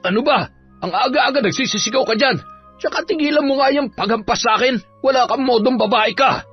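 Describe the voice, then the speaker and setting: A man voicing a drunk, abusive middle-aged father who yells and threatens. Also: on the high side, very animated, moderate pace, pitched above the performer's own voice. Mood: angry drunk. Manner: slurring, bullying, yelling threats. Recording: dull audio, soft music behind.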